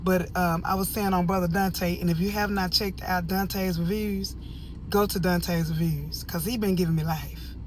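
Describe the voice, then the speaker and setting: An American woman giving casual, opinionated video commentary in an animated, emphatic way, drifting into rambling asides. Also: fairly low pitch, moderate pace, a little hiss or hum. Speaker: online reviewer and host.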